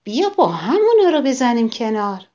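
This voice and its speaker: Friendly little ladybug in a kids' tale, voiced by a woman: even-tempered, soft, unruffled. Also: fairly high pitch, dull audio, voice pushed up. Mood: calm. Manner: calm, gentle and even. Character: good-natured calm ladybug, small and friendly.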